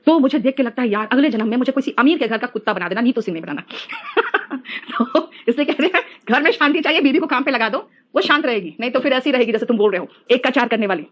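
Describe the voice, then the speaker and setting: A woman's voice: on the high side, animated, quick pace, a bit bright, highs cut off. A middle-aged woman teaching an English class online, teasing her students and mixing English phrases into her talk.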